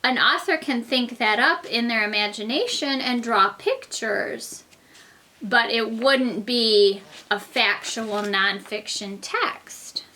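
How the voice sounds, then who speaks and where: A woman's voice: fairly high pitch, takes it slowly, pushed and bright, low-quality recording. A woman teaching a reading lesson to young children, explaining things simply and patiently like a kindergarten teacher talking to little ones.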